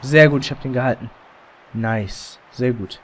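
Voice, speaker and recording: A man casually commentating his own football video game as he plays, excitable and quick to swear and groan at mistakes, through a slightly overdriven mic. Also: mid-range voice. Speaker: let's play gamer. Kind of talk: casual live gameplay commentary. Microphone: headset or desk mic, slightly overdriven.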